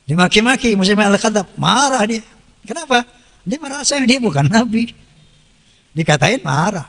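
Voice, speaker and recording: High-voiced preacher in a reverberant hall. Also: male voice, animated, moderate pace, fairly bright tone. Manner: asks rhetorical questions and answers them himself; recites Arabic verses, then explains them in Indonesian. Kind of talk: sermon.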